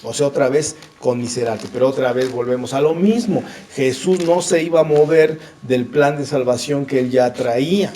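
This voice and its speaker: A man's voice: mid-range voice, moderate pace, few pauses, warm tone, a little hiss or hum. A man teaching the Bible in a conversation, earnest and direct, often checking in with the listener and calling him brother. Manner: earnest, repeats questions like "¿sí?" and addresses "hermano". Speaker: preacher leading a Bible conversation.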